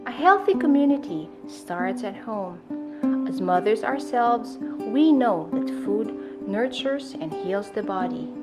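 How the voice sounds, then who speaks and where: A woman reading a scripted segment intro in a gentle, sincere way. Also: fairly high pitch, expressive, unhurried. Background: loud guitar music.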